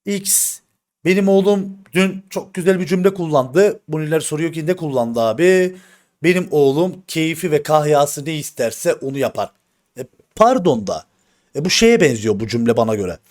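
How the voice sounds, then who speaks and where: A man's voice: on the high side, animated, moderate pace, darkish tone. A man streaming live, venting bluntly to his viewers with slang and swearing, and repeating himself for emphasis. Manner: addresses the audience directly, repeats himself for emphasis. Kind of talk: casual stream talk to viewers.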